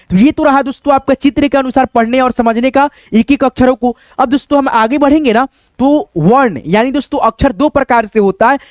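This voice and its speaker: A man teaching the alphabet to beginners slowly and patiently, asking questions and answering them himself, with a friendly word for the audience in nearly every sentence. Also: extremely high pitch, a little mellow, no echo, clean studio sound.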